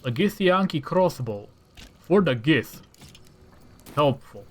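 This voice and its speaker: A slightly high, animated male voice at a slow pace comes from a gaming-channel host from Romania, a native Romanian speaker. His casual commentary on a mod has him thinking aloud and occasionally ranting in exasperation.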